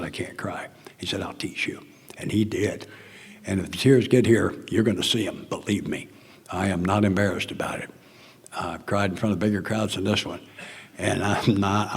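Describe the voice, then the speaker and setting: Speaking at a recovery meeting, an older Southern American man tells his own story in an earnest, plainspoken way. His voice is on the low side and husky, the sound filling a big room, and at times he drops nearly to a whisper.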